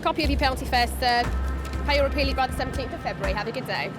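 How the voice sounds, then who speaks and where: A woman speaks as a train conductor doing her rounds. She talks very quickly, in polite, official phrases used for checking tickets and fines. It is recorded on location aboard a train, with the vehicle heard around her. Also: sits high, music in the background. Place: on board trains and around a busy station.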